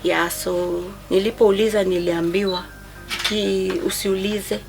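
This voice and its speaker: A woman's voice: mid-range voice, fairly even intonation, unhurried, gravelly, music in the background. A woman with a Kenyan accent, a guest at home telling her own story, switching between languages and answering with short affirmations. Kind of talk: personal account in an interview.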